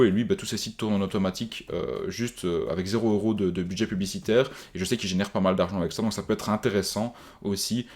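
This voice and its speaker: A man's voice: on the low side, a little mellow. A man who runs an online business course, giving a casual screen-share tutorial, chatty, full of fillers and restarts, talking straight to viewers.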